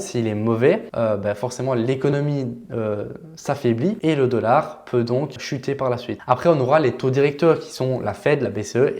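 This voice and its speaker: Homme francophone, formateur en trading, ton décontracté. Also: male voice, medium pitch. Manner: relaxed, chatty explaining with filler words. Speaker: trading educator. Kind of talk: casual explanatory lesson.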